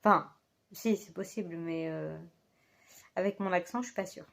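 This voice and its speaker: A woman's voice: lowish voice, normal speed, creaky, fairly bright tone. A woman talking casually into a phone as a book vlogger, hesitant, with many fillers and self-corrections. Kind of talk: casual chat. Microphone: phone held in hand.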